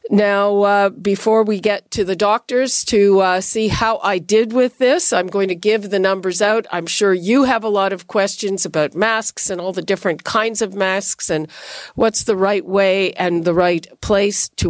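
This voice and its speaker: A woman's voice: mid-range voice, no echo. A woman hosting a radio interview in a conversational way. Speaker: radio host. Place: dry radio studio. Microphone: studio microphone.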